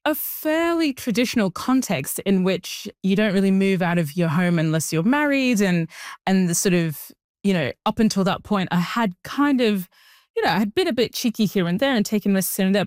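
A young woman, telling her story as an interview guest, animated and full of fillers. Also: mid-range voice, moderate pace, dry recording, clean studio sound. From Sudan. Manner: animated, with frequent "like" and "you know" fillers. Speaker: guest, engineer and writer. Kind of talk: interview conversation.

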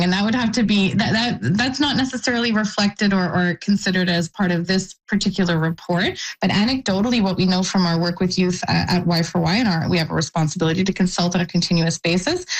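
A woman who organizes youth employment work answers radio interview questions in a halting, measured way, often restarting her phrases. Her voice is mid-range, and the audio is poor.

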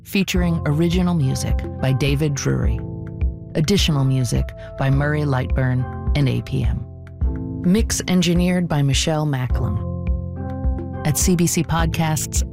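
A woman hosting a podcast, reading scripted narration. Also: low voice. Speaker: podcast host.

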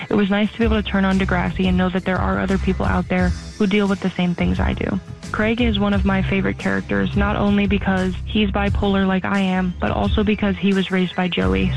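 A woman's voice: mid-range voice, gravelly, darkish tone, low-quality recording. A woman fan earnestly telling a personal testimonial in a voice memo. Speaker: fan sharing a story.

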